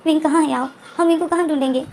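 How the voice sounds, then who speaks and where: A woman's voice: high voice, steady tone, very fast, darkish tone, a little hiss or hum, voice pushed up. A woman voicing a frightened young man, a new father, pleading in a rising voice. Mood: anxious.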